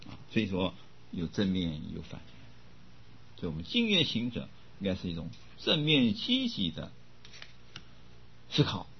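An older man giving a Buddhist dharma talk as teacher, often coughing and clearing his throat, repeating words as he goes. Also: low-pitched, huge pitch swings, moderate pace, pauses often, slight background noise. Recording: dull lo-fi recording.

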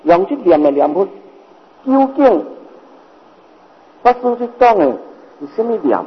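A man's voice: sits high, sing-song, measured pace, slightly rough. An older man with a Hokkien-influenced Mandarin accent giving a Buddhist sermon as a master, repeating points and asking rhetorical questions. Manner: repetitive, explains with rhetorical questions. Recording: reverberant, dull lo-fi hall recording.

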